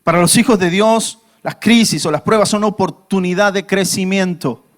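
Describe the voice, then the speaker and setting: A man's voice: sits high, moderate pace. A male pastor preaching a sermon to his congregation, emphatic and full of rhetorical questions. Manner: acts out quoted pleas in a raised voice.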